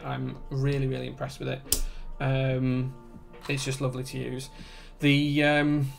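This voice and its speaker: A man with a broad Yorkshire accent chatting casually as he hosts a livestream, relaxed and conversational. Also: medium pitch, creaky. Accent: broad Yorkshire English. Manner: relaxed, conversational, reading out chat comments. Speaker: livestream host and keyboard builder.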